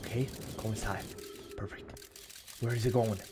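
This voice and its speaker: A man hosting a let's play, excitable and swearing, with sudden shouts. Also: on the low side, normal speed, heavy background noise. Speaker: gaming channel host.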